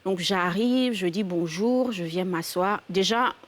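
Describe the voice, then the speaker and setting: A woman's voice: medium pitch, measured pace. Nigerien-accented woman telling a story. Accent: Nigerien French. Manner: storytelling, relaxed. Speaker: guest. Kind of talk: casual talk-show chat.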